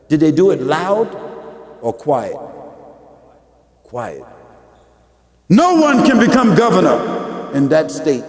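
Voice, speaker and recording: A man preaching a mosque lecture, peppering the audience with rhetorical questions and swinging between quiet asides and shouts, in casual vernacular speech. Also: high-pitched. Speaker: Islamic preacher. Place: large Islamic center hall. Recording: echoey hall from some distance.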